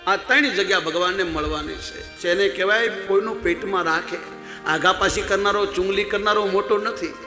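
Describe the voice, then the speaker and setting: Male devotional storyteller, emphatic and exhorting, high voice; reverberant hall, faint music behind. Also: moderate pace. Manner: emphatic, exhorting, addresses listeners as "saheb". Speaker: religious storyteller.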